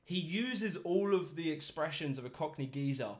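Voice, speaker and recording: Brief: young British male host, chatty storyteller, slightly high-pitched, laughs a lot. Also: moderate pace. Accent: British English. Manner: animated storyteller, laughs often, does mock voices. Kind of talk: casual chat.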